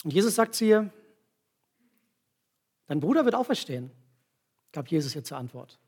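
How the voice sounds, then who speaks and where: A man with a fairly high, husky voice preaches to a gathering. He retells a scripture passage step by step and has volunteers stand up to act it out. He checks in with his listeners with short tag questions as he goes. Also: sing-song, darkish tone. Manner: explains slowly with frequent tag questions. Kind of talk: sermon with volunteer demonstration.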